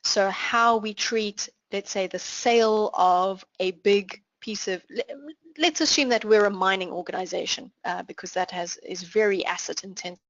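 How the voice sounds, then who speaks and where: A woman's voice: medium pitch, normal speed, a bit bright, no room sound. A woman with a South African accent explains accounting ideas step by step, the way a patient instructor would. Her voice sits in a middle register and is recorded dry, with a slightly muffled quality. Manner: clear explanatory teaching with worked examples. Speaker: finance instructor. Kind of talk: live online class lecture.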